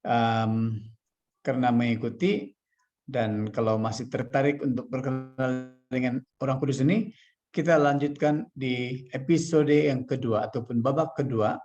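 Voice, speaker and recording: Priest from malaysia doing a devotional talk, mid-pitched voice, slow steady reading, muffled online call sound. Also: male voice, faint music behind.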